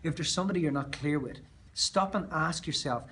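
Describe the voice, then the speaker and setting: An Australian man speaking as a motivational speaker, telling a personal story in an earnest, emphatic way that often trails off softer. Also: a little high, a little fast, a little hiss or hum.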